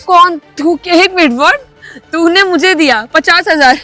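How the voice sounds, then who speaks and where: A woman's voice: very high-pitched, unhurried, sharp tone, dry recording, soft background music, heavily acted. A woman playing a scornful company manager. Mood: mocking. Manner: scornful, mixes English words. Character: arrogant young woman manager, contemptuous.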